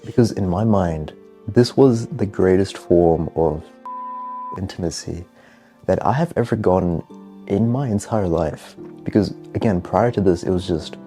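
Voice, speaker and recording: A man's voice: low voice, a little slow, dark tone, faint music behind. A man telling a personal confession in casual speech, leaning on key words for dramatic emphasis.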